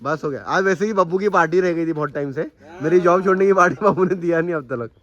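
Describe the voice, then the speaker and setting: A man's voice: a little high, quick pace, a bit bright, muffled recording. A man hosting a casual family vlog, chatting and talking to his viewers. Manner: chatty, keeps addressing viewers as guys. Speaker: vlogger host. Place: temples and outdoors on a family outing.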